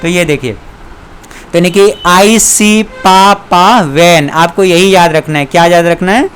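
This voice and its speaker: A man teaching grammar who stretches his words out slowly, as if dictating to a class. His voice is smooth and clear, and he keeps repeating questions back to his students. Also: high-pitched, fairly bright tone.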